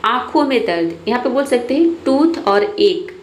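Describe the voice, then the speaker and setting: A woman teaching English vocabulary, repeating each word slowly and often checking in with "theek hai". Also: fairly high pitch, lively intonation. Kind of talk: vocabulary lesson, word lists with repetition. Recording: echoey room, faint background noise.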